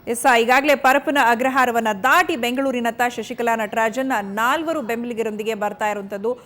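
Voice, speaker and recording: A fairly high-voiced woman with a Kannada accent anchors live breaking news. She keeps repeating the latest updates in an urgent tone, filling pauses with drawn-out fillers. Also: steady tone, a bit bright. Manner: repetitive, urgent, with frequent fillers.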